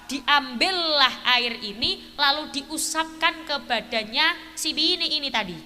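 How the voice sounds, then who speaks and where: A woman's voice: high voice, measured pace, pushed and bright, a little hiss or hum. A young woman preacher telling a humorous story as a sermon, acting out characters and asking the crowd questions. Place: large religious gathering. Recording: live event audio with hall reverb.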